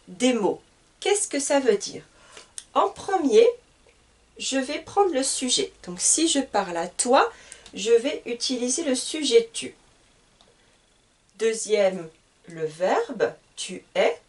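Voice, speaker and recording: A woman from France gives a beginner language lesson at a very slow, careful pace, repeating each example sentence word by word. Her fairly high voice rises and falls in a lively way. She sounds set back from the microphone. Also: far from the mic. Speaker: French teacher.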